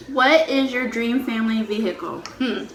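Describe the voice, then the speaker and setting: With a fairly high voice at a normal speed, a woman hosts a couple's Q&A mukbang video, keeping it informal and going back over phrases as she explains. The audio is roomy and echoey, with a little background noise.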